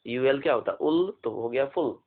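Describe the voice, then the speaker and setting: A man teaching an exam vocabulary lesson, slowly spelling out words letter by letter and asking questions. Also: medium pitch. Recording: phone-like narrow band.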